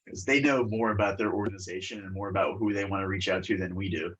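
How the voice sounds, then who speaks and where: A man's voice: low-pitched, fairly even intonation, fast talker, fairly bright tone, lo-fi sound. A congested man giving a webinar presentation over a video call and answering questions, talking with many fillers and restarts.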